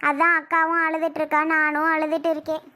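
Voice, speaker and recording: A woman playing a struggling mother of two daughters in a family drama skit, speaking in a soft, pleading, sorrowful way. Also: high-pitched, completely flat delivery, fast. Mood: tearful.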